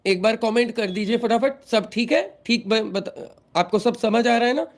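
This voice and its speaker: An older Punjabi man hosting a live-streamed devotional gathering, speaking with a Punjabi accent softened toward Hindi. He recites each line slowly and twice, now and then spelling words out letter by letter. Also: very high voice. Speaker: satsang host. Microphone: webcam or phone on a live stream.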